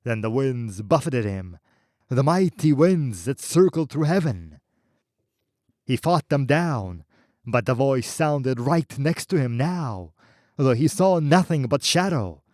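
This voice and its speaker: A man narrating an audiobook in an expressive, measured way. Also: mid-range voice, dry recording, clean studio sound.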